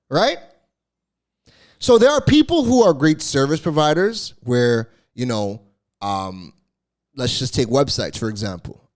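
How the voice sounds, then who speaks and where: A man hosting solo commentary as a business coach, emphatic and exasperated, repeating key words for stress. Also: medium pitch.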